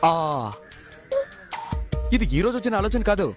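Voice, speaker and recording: A man's voice: high voice, normal speed, over loud music, lightly acted. A man playing a cheeky young jail inmate with a brash, mocking manner, in dubbed film dialogue. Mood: cocky.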